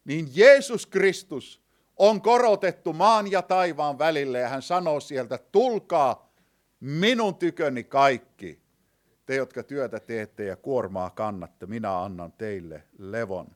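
A man preaching a sermon to a live congregation, asking them rhetorical questions and slowing down to read scripture quotes, swinging from loud declaiming to hushed low passages. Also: lively intonation.

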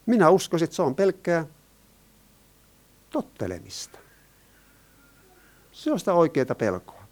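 A man's voice: fairly high pitch, huge pitch swings, a little mellow. Man preaching with rhetorical questions. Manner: asks the listeners rhetorical questions, rises and falls in emphasis. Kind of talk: sermon.

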